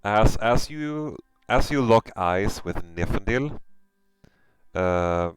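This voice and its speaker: A Swedish-accented man runs a tabletop game and describes scenes in a hesitant way, full of fillers. His voice sits low and sounds smooth and resonant. The sound is close and dry. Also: lively intonation, slow, no echo, poor audio. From Sweden. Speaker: game master.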